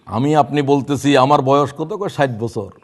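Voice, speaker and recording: A man in his sixties preaching a sermon, reciting prayers and quoting verse in a drawn-out voice that swings between loud and hushed. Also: medium pitch. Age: 60s. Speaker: Islamic preacher.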